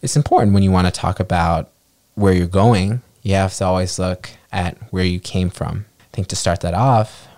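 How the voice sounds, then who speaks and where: A man's voice: low-pitched, steady tone, normal speed, a little mellow, no echo. A man co-hosting a podcast, talking casually and loosely with lots of filler words. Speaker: podcast co-host. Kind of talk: casual chat.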